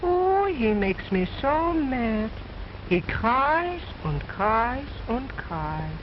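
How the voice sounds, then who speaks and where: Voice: mid-range voice, very animated, drawn-out words. A performer voicing a cheeky, boastful wooden boy dummy in an old ventriloquist stage act, wisecracking in broken English. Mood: whiny. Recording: muffled old film soundtrack, loud noise.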